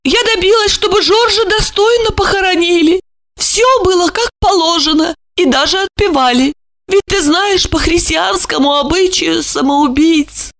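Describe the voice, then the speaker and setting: A shrill, theatrical rich widow, as a woman puts her on, swooping high and loud through her complaints. She sighs, exclaims and sounds mannered and self-pitying, like a figure from a spoken storybook. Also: lively intonation, a little slow, full character voice. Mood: agitated. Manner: affected, sighing, exclaiming.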